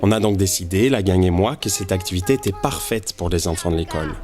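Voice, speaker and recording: A man with a Québécois accent narrating a voice-over in a calm, matter-of-fact way. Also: low voice, fast talker, loud music behind the voice. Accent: Québécois French.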